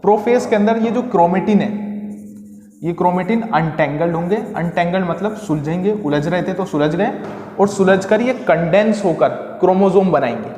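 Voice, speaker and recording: A man's voice: sits high, moderate pace, a little mellow. A male tutor explaining a lesson step by step, asking himself questions and repeating key terms. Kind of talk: classroom lesson explaining diagrams. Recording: echoey room with long reverb.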